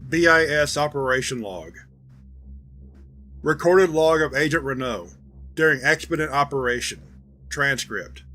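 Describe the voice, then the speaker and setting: A man's voice: fairly high pitch, animated, measured pace, pauses often, sharp tone, faint music behind. Man reading out classified log entries. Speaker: narrator. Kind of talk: scripted narration of archive logs.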